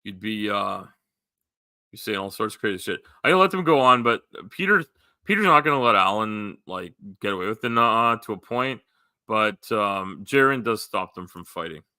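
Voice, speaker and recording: Rambling low-voiced livestream host. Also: male voice, expressive, normal speed, pushed and bright, no room sound, studio quality. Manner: rambling, full of fillers. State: losing his voice. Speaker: live stream host. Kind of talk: casual livestream chat.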